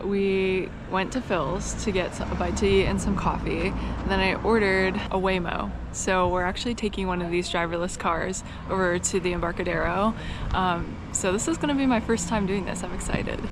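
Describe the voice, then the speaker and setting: Female vlog host, casual and chatty, mid pitch, noisy urban recording. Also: moderate pace. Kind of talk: casual vlog narration and chat. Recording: clear outdoor city and traffic noise.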